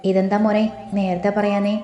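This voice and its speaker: A woman voicing an affectionate middle-aged mother who worries and gently scolds. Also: medium pitch, level tone, moderate pace, dull audio, a little hiss or hum, close to an everyday voice. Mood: fond. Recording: roomy with faint music.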